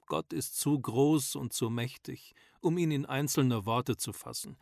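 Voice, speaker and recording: A man's voice: mid-range voice, a little slow, creaky, a little mellow, no room sound, clean studio sound. A man voicing a frail elderly father with a thin, fluttery voice in an audiobook. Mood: tender. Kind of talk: audiobook character voice.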